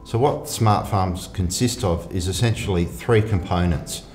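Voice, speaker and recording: A man presenting a farm technology video in a clear, informative way. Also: low voice, unhurried, darkish tone, echoey room, faint music behind. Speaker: agricultural technology lead. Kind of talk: scripted promotional narration and interview.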